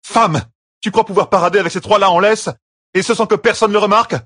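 A brash young gambler who fires off sardonic retorts, voiced by a male audiobook reader. The voice is raised and lively in pitch, a touch husky. The close, dry sound gives it an edge. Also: fast talker, no room sound. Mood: outraged. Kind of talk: audiobook character voice.

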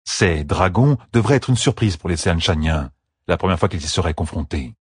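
A man narrating a fantasy battle audiobook with steady, dramatic storytelling. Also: low-pitched, normal speed, slightly rough, no echo, studio quality.

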